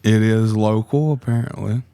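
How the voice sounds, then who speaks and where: Low-voiced man, dry sound. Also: steady tone, normal speed, creaky, warm tone, clean tone, no room sound. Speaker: podcast regular. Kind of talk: casual storytelling.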